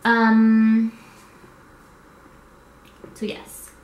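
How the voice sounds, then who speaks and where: A woman's voice: on the high side, monotone, very slow, dull audio. A sleepy, worn-out woman in her twenties rambles casually to camera as a vlogger, easily drifting off track. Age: 20s. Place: small indoor apartment room. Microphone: camera at arm's length. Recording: echoey small room with faint noise.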